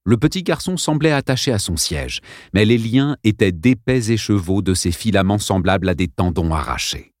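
A man's voice: on the low side, lively intonation, moderate pace, dry recording, clean studio sound. A man narrating an audiobook in a dramatic, suspenseful reading style.

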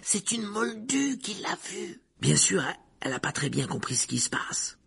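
A man voicing an excited schoolboy passing on gossip, eager and half-whispered, in a storybook reading. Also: mid-range voice, a little fast, vocal fry, breathy edge, exaggerated voice.

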